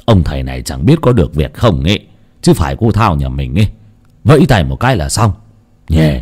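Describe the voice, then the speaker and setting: A man's voice: very deep voice, big pitch swings, fairly quick, a little mellow, voice pushed down, heavily acted. A man voicing a chatty, boastful middle-aged male neighbor who banters loosely. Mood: gossipy.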